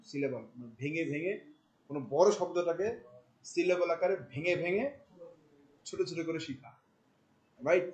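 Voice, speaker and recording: Animated man lecturing a class. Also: a little high, poor audio. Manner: questions the class often, mixing in English words; colloquial, animated explaining. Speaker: marketing instructor.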